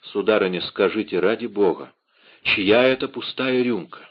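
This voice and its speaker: A man doing a hoarse grim musketeer. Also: normal speed, close to an everyday voice. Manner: hoarse, low, restrained. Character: grim older musketeer, stern and brooding. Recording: dull lo-fi audiobook recording.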